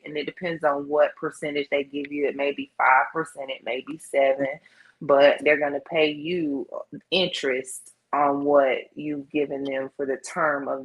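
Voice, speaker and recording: A woman's voice: deep voice, dull audio. A woman in her thirties patiently explaining investing with simple examples in a casual chat. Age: 30s. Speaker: financial guest expert.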